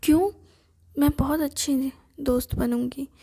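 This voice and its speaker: A woman voicing a chatty, curious young female ghost who keeps asking questions and admires her own looks, in a breathy whispered role-play. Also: high voice, fairly even intonation, warm tone. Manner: rapid questioning, insistent.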